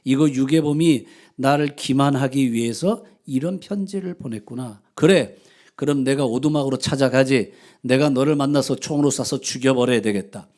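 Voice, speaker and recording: A man voicing a grieving, furious middle-aged father who shouts accusations in anguish. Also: medium pitch, normal speed, voice pushed down, natural voice. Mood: bitter.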